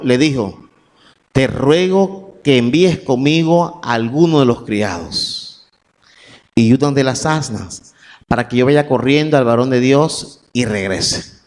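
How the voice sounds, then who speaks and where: A man preaching a sermon, reading scripture verses and then building to shouted emphasis. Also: medium pitch. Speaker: pastor. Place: church sanctuary. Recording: long church reverb, faint music.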